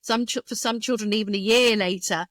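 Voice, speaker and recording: A woman speech therapist, a guest in an interview, explaining carefully and thoughtfully with frequent pauses and fillers. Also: mid-range voice, a bit bright, dry recording. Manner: thoughtful, hesitant with many fillers.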